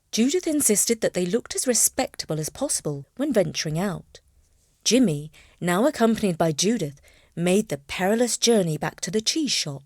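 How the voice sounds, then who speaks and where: A woman's voice: mid-range voice, a little mellow, no echo. A woman telling a children's story with scripted, playful narration. Her mid-range voice moves expressively up and down, and the recording is close and dry with no room sound.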